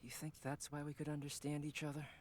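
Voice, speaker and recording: A man's voice: on the high side, monotone, fast, darkish tone, a little hiss or hum, close to an everyday voice. A man playing an earnest young son in video game cutscene dialogue. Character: earnest young man reunited with his father. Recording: music behind the voice.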